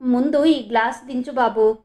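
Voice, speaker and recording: A woman's voice: high-pitched, moderate pace, echoey room, natural voice. A woman doing an overjoyed middle-aged mother. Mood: urgent. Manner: excited, calling out loudly.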